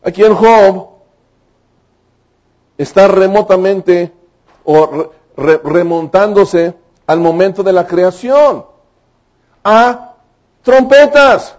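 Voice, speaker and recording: A man's voice: high voice, takes it slowly, pauses often, a little mellow. A man, preaching a sermon with emphatic, fervent delivery. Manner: emphatic, rising to fervent exclamations. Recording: dull lo-fi recording.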